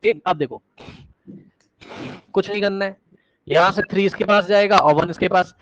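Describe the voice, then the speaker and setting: A male teacher giving a live online class lecture, energetic, repeating words rapidly to prod his students and coaxing them with questions. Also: high voice, dry recording. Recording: dull, dry online-class audio.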